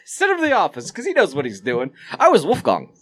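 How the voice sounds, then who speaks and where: A man co-hosting a casual podcast, animated and swearing often, laughing as he talks. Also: fairly high pitch, fast talker, husky, dry recording. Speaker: podcast co-host.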